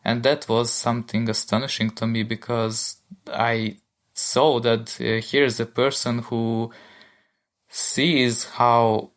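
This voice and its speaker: Slow, hesitant young man from Hungary. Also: mid-range voice, fairly bright tone. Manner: thoughtful, hesitant with fillers. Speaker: podcast co-host. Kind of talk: casual chat.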